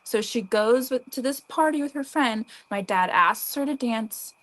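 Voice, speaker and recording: An American woman in her twenties co-hosting a casual livestream, telling a personal story in a lively way. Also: a little high, measured pace, poor audio. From United States. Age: 20s. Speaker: livestream co-host.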